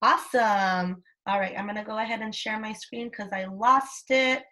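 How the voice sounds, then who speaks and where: A woman's voice: medium pitch, fairly even intonation, normal speed, bright, forceful tone. A woman teaching a children's class over a video call, encouraging and sing-song as she prompts her students. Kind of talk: online class lesson for children. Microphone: laptop mic on a video call.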